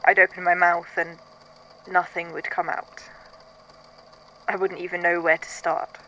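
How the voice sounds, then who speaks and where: In a fan fiction audio drama, a voice actor portrays a weary archivist haunted by the uncanny events he records, speaking in a hesitant, introspective, conversational monologue with a haunted, reflective mood. The medium-pitched voice is bright and forceful, with a level tone and measured pace. The low-quality recording carries a little hiss or hum.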